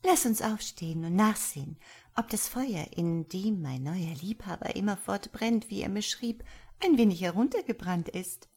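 A woman voicing a scornful noble lady who teases a freezing suitor with mock sweetness, in a breathy voice, for a storybook reading. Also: medium pitch, expressive, moderate pace, darkish tone. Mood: teasing. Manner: teasing, sly, mock sweetness.

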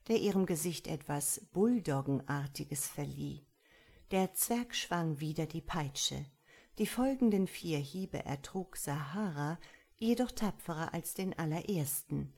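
A woman narrating a story as an audiobook reader in a calm, measured way. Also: low voice, creaky, husky.

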